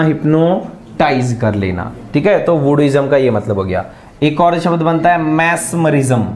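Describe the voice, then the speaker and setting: A man's voice: on the high side, darkish tone. Man teaching vocabulary in an echoey room. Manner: repeats words and quizzes viewers with questions. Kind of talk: exam-prep vocabulary lesson.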